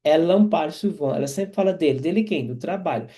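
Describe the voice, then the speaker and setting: Male French teacher, slightly high, mellow tone, patient explainer who keeps checking understanding. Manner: repeats and checks in with quick tags. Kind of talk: explaining grammar with example sentences.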